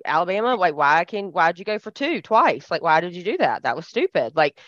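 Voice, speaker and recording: A woman co-hosting a casual chat, animated and chatty. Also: fairly low pitch, a little fast, no room sound. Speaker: podcast co-host. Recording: dull lo-fi sound.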